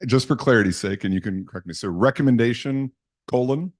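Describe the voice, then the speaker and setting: A man's voice: mid-range voice, fast, no echo, studio quality. A committee chair on an advisory board, self-deprecating and chuckling as he checks wording. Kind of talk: meeting discussion.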